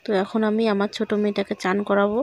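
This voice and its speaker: A young woman narrates her busy day of housework for her vlog audience in a chatty, friendly way. Her voice stays level, with little rise and fall. Steady background noise from around the house runs under everything she says. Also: mid-range voice, racing. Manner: chatty, talks straight to viewers. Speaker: vlogger, mother of two daughters. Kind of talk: casual vlog narration of daily chores. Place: home and courtyard by a water tap.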